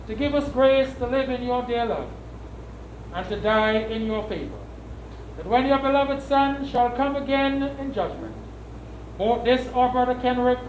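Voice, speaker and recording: A middle-aged man, a priest, reading solemn funeral prayers in a measured, formal way with pauses. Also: very high voice, a little mellow. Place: small indoor funeral service room. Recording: echoey room, distant mic, background noise.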